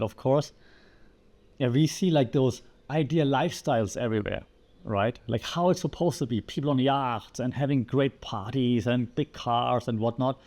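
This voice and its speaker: Man explaining theories on a podcast. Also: mid-range voice. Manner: lively, asks the listener rhetorical questions. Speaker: podcast host.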